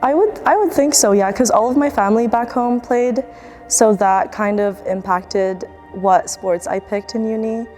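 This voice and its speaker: A woman's voice: a little high, moderate pace, darkish tone, soft background music. A young woman student athlete from the Philippines, speaking in a casual, reflective documentary interview with fillers and restarts. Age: young adult.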